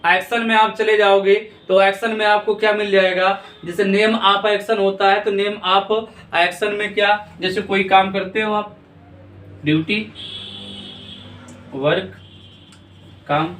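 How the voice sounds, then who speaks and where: High-voiced teacher in an echoey room. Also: male voice, fairly even intonation, unhurried, long pauses, fairly bright tone, a little hiss or hum. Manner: repeats questions to students and answers them himself; checks in often with "theek hai na". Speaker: English grammar teacher. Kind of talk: classroom-style video lesson. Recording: echoey room, mic at a distance.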